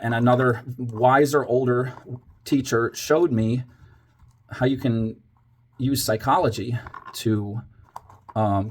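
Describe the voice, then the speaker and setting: A former teacher who now hosts a channel recounts a story from his teaching years in a monologue, acting it out with whispers and quoted voices. His voice is medium-pitched, with slight background noise.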